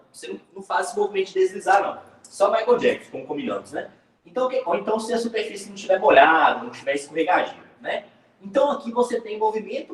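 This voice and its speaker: A physics teacher with a Brazilian Portuguese accent runs an online class in a lively, joking way, calling students by name. His voice is high and sounds roomy and far from the mic, with poor audio overall.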